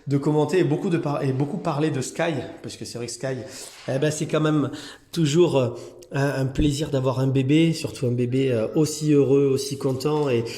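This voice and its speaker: A man's voice: medium pitch, steady tone, normal speed, dark tone. A man who runs a cat hotel, chatting in a casual vlog and talking affectionately to the cats. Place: indoor cat boarding room.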